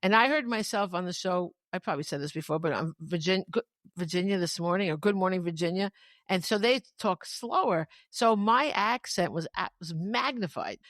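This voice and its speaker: A woman in her fifties with a Long Island accent, hosting a casual podcast chat and telling stories in an animated way, often restarting and repeating words. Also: fairly low pitch, moderate pace, dry recording, clean studio sound. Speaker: podcast host.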